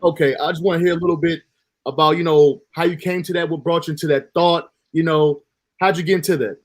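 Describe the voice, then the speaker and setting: A man's voice: fairly high pitch, fairly even intonation, a little fast. A man hosting a casual podcast chat, laid-back and encouraging, with plenty of fillers. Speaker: host.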